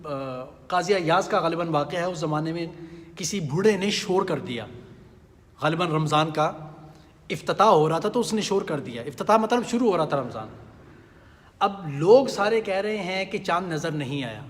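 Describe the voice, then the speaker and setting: A man's voice: fairly high pitch, animated, long reverb tail. A man giving a humorous sermon, telling stories and asking his listeners rhetorical questions. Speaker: preacher.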